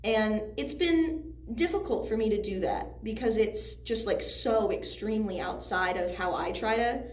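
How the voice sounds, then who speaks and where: A teenage high school student actor with a medium-pitched voice at normal speed answers questions in a casual interview. Her replies are earnest and reflective, often hedged. The recording has a roomy echo and faint background noise.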